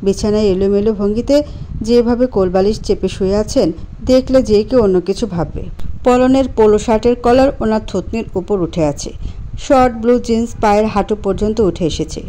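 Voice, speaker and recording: A woman reading a romantic story aloud in the first person, with a gentle, expressive delivery. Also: medium pitch, moderate pace, slight background noise.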